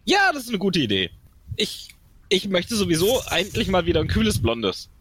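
An excitable, jovial forest-dwelling man, voiced by a player who bursts out with eager questions. His voice sits high and swings widely. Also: normal speed, a little hiss or hum, heavily acted.

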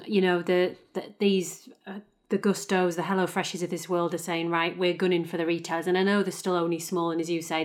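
A woman co-hosting a podcast, chatty and asking long questions. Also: on the low side. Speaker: podcast co-host. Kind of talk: casual podcast chat.

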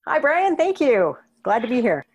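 A woman's voice: on the high side, sing-song, normal speed, a little hiss or hum. Thoughtful woman professor on a podcast. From Canada. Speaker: guest, associate professor. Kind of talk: conversational interview.

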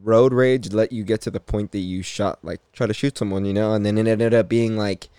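A man's voice: fairly low pitch, fairly even intonation, a little fast, warm tone, clear, resonant tone, no echo, clean studio sound. A young man hosting a casual podcast chat, laid-back and swearing, full of fillers. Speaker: podcast host.

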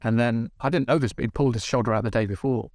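A man, a TV director, telling animated casual stories on a podcast, swearing and acting out what people said. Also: mid-range voice, fast, dry recording, studio quality. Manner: animated, swearing, acts out dialogue. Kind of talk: casual storytelling. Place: podcast studio.

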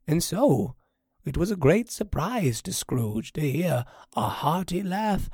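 An actor playing an elderly male storyteller reading a story to a child, gentle and expressive. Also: mid-range voice, creaky, slightly rough, dry recording, studio quality, full character voice.

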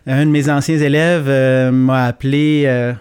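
Man, middle-aged, Québécois French accent, lively storyteller, chuckles often, mid-pitched voice. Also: unhurried, clean tone. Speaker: guest, schoolteacher. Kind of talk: casual podcast conversation.

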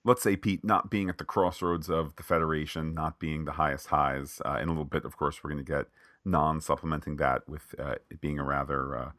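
A man with a very low voice and a bright, forceful edge co-hosts a podcast episode recap. He rambles through the plot with many fillers and jokey tangents. The sound is dry and close. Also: steady tone, a little fast, no room sound. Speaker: podcast co-host. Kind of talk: recapping an episode in casual chat.

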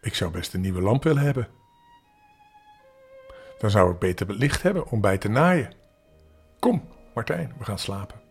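An older man voicing a poor, tired seamstress mother in a storybook, speaking softly and hesitantly. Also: on the low side, animated, moderate pace, long pauses, husky, soft background music.

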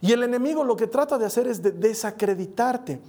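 A man's voice: very high-pitched, expressive, brisk, warm tone. A man preaching a sermon in a conversational way, checking in with his listeners and adding touches of humor.

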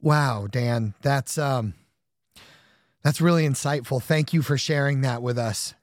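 A man's voice: medium pitch, measured pace, no echo, studio quality. A man hosting a podcast, rambling casually with lots of fillers, joking about himself and laughing often. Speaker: podcast host.

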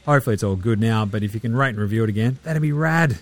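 A man's voice: fairly low pitch, lively intonation, rapid-fire. A man with an Australian accent hosting a sports podcast in casual, blokey, sweary chat.

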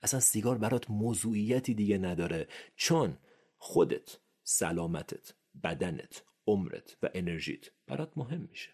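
Male podcast host, very low and husky with gravel, earnest direct-address monologue. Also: expressive, a little mellow. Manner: earnest, addresses listener directly, rising emphasis on key phrases.

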